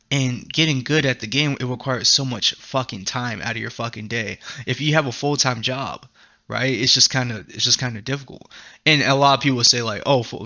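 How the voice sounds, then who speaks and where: Bright-voiced man ranting casually. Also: medium pitch, dull audio. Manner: profane, rambling, laughs often. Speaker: commentary host. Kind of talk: casual anime commentary rant.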